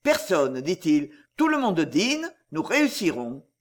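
A man's voice: a little high, wildly swooping pitch, unhurried. A man doing a firm, resolute young son. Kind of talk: audiobook character reading.

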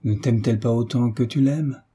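A man's voice: medium pitch, brisk, warm tone, breathy edge. A man voicing a firm, loyal friend. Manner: firm, reassuring.

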